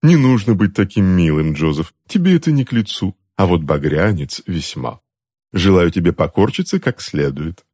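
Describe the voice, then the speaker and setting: A sardonic witch aunt speaks in a slow, low, unhurried voice that drips with mockery, as a man reads her part. Her tone stays cool and detached. The audiobook sound is dry and close. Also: very animated, a little mellow, breathy edge, dry recording, exaggerated voice. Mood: cold. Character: cold, sardonic witch aunt reading a book. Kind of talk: audiobook character voice.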